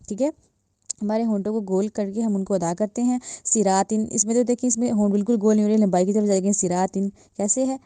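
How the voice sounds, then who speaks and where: A woman teaching Quran recitation, slowly sounding out each word and repeating the correct and incorrect forms. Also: mid-range voice, warm tone, dry recording. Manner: drills words slowly, contrasts wrong and right forms. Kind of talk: step-by-step pronunciation lesson.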